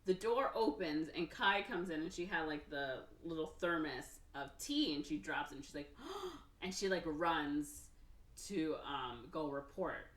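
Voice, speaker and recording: A woman hosting a podcast and recapping a movie in casual chat. She tells it with animation, says "like" a lot and slips into quick acted quotes. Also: deep voice. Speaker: podcast host. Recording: roomy, from a distance off the mic.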